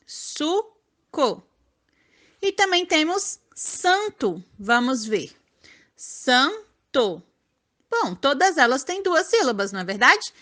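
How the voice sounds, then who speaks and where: A Brazilian woman teaching young children online, her voice high and bright. She talks slowly and sounds words out syllable by syllable, her pitch swooping in a lively, sing-song way. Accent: Brazilian Portuguese. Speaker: primary school teacher.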